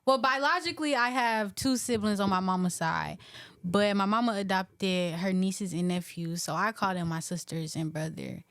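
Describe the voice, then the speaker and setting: A woman's voice: medium pitch, a bit bright, dry recording. A young woman from Chicago and Atlanta, a guest on a casual podcast, talking in a laid-back, joking way.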